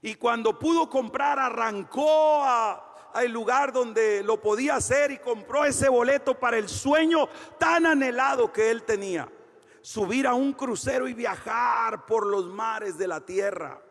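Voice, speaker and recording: High-voiced fervent preacher. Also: male voice, measured pace, in a large hall. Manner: fervent, swings between shouting and hushed storytelling. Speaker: pastor. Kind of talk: preaching a sermon.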